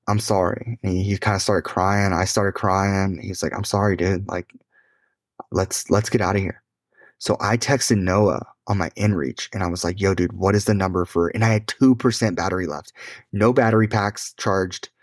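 A man telling an adventure story in a casual, excitable way, swearing and saying "dude" often, as an interview guest. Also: low voice, dry recording, clean studio sound.

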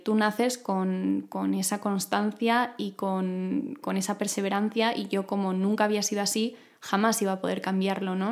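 A woman's voice: mid-range voice, darkish tone. Woman with a throaty guttural R. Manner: informal, explanatory, addresses listener directly. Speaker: podcast host. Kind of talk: conversational self-improvement monologue.

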